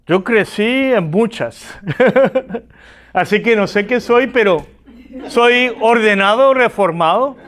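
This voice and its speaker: With lively intonation and a fairly bright tone, this man talks slowly in a high voice. He's a seminary lecturer from Argentina with an Argentine accent, delivering a classroom lecture peppered with rhetorical questions for his students.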